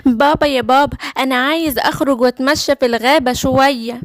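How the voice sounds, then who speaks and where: A woman with an Egyptian accent voicing an eager young boy lion cub in a children's cartoon, with a bright, childlike way of talking. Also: high voice, fast, no room sound, studio quality.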